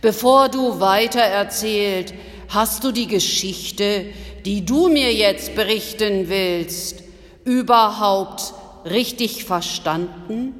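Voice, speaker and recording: A woman reading the lines of a wise old Greek philosopher who asks calm, probing questions. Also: medium pitch, takes it slowly, in a large hall, close to an everyday voice. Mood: calm questioning.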